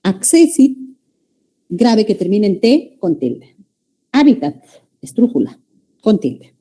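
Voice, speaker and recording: A woman's voice: mid-range voice, sing-song, measured pace, dark tone, breathy edge. A woman teaching a language class, lecturing students and often checking that they follow. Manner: addresses students as "jóvenes", checks understanding with "¿ya?".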